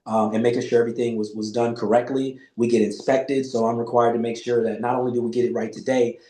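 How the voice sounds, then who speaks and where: A man's voice: medium pitch, little pitch movement, quick pace, dark tone. A man in his forties telling loose, profane stories in a casual podcast chat. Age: 40s. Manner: loose, profane storytelling with acted-out quotes. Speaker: podcast guest. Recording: roomy echo.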